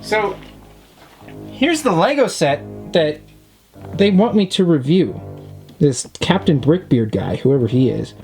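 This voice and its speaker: A man's voice: a little high, very animated, slow pace, pauses often, a little mellow, soft background music. A man hosting a casual toy review, talking in a chatty, rambling, self-deprecating way.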